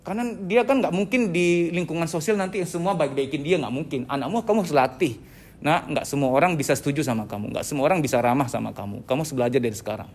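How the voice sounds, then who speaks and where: A man giving a psychology lecture at a training session, animated and acting out quoted speech, with joking asides. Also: fairly high pitch, fast talker.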